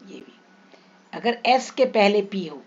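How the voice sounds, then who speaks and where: A woman with an Indian accent teaching an English grammar lesson, repeating example words slowly and putting questions to her students. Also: medium pitch, animated, lo-fi sound. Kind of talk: classroom lesson explaining rules.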